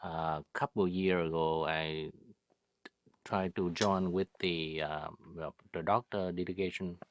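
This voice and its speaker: Halting Vietnamese-accented man in his fifties. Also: sits low, steady tone, a little hiss or hum. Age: 50s. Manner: halting, broken English with many fillers. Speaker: interviewee. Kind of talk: oral history interview.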